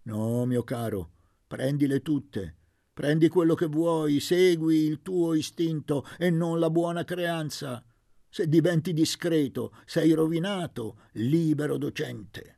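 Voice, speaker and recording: A man's voice: a little high, big pitch swings, a little slow, creaky, husky, dry recording, studio quality, voice pushed up, full character voice. A man doing a wild, theatrical old landowner. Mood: teasing, expansive. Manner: grandiose, shifting from teasing to shouting. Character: eccentric old male landowner, theatrical, mocking. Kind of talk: audiobook reading.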